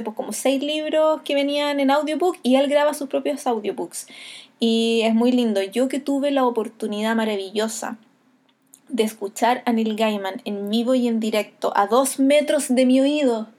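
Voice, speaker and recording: Chilean woman, enthusiastic book vlogger, chatty and rambling, slightly high-pitched. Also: a little mellow. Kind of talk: casual book recommendation.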